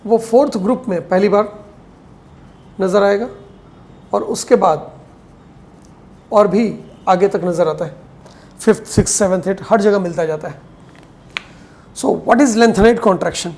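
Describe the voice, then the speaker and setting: A woman teaching chemistry in a classroom lecture. She explains step by step, asks questions and answers them herself, and slows down to dictate notes, mixing Hindi with English terms. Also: mid-range voice, a little mellow. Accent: Hindi-English mix.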